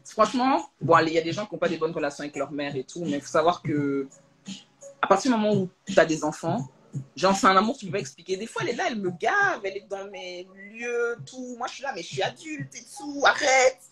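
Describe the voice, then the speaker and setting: A young adult woman chatting casually on a live stream from her room at home, animated and slangy, full of jokes and asides. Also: medium pitch, fast, poor audio. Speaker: social media creator on a live stream. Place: at home, in a room with a closed door.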